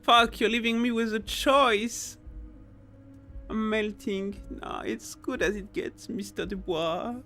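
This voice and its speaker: A man's voice: high-pitched, steady tone, takes it slowly, bright, forceful tone. A man streaming a video game, reading dialogue aloud and chatting playfully with his viewers. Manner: playful, giggly, reads lines aloud. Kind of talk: casual gameplay commentary. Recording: game music behind.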